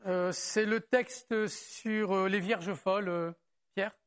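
With a high-pitched, steady tone, this pastor delivers a sermon in a church service, talking to his congregation directly and conversationally. He uses many rhetorical questions and slows into a more measured delivery whenever he reads a passage aloud.

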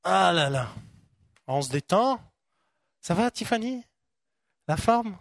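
A man preaching a lively sermon as a pastor, who gets fired up and shouts out the voices of temptation, then turns quiet and gentle to lead prayer. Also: sits high, slow pace, creaky, no room sound, clean studio sound. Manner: animated, shouts acted-out inner voices, then calms to soft prayer talk.

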